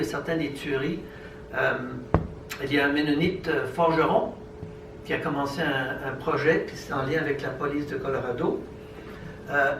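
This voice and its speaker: A man giving an informal public talk, hesitant and often searching for his words. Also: a little high. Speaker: Mennonite congress speaker. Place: room at a congress. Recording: echoey room, distant mic, noisy.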